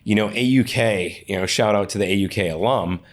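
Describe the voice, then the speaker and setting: A man's voice: lowish voice, a little fast. A man in an interview, telling stories casually, often restarting and repeating words. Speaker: interview guest, athlete and coach.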